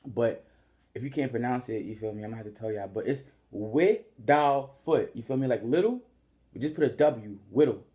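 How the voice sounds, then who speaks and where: A man's voice: mid-range voice, dark tone. A young man hosting his own vlog, chatting casually and slangily to viewers, repeating and drawing out words as he explains things. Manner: laid-back, repetitive, slangy, drawn-out spelling of his name. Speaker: vlogger, channel host. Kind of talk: casual direct-to-camera chat.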